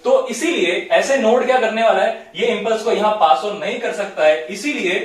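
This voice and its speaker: Teaching biology at a whiteboard, a high-pitched man speaks at a moderate pace and works through the material step by step. He frequently checks on the class with "theek hai" and mixes in English terms, captured by a distant mic in a very echoey room.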